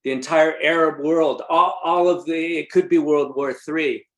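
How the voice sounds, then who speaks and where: A man's voice: a little high, fairly even intonation, unhurried. A man hosting a webinar interview, chatting and reading out audience questions. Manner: conversational, reads audience questions. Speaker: webinar host.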